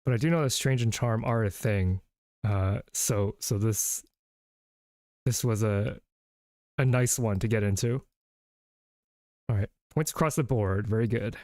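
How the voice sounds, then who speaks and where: A man's voice: on the low side, a little slow, pauses often, darkish tone, no room sound, studio quality. Self-deprecating man hosting a quiz. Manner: self-deprecating, thinks aloud with restarts. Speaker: trivia quiz host. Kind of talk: casual streamed quiz chat.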